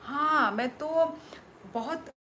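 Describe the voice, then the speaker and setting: Slow-talking woman hosting a livestream. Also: high voice, sharp tone, slight background noise. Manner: reads out viewer messages and super chats, often exclaims. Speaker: livestream host. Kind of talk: live stream chat with viewers.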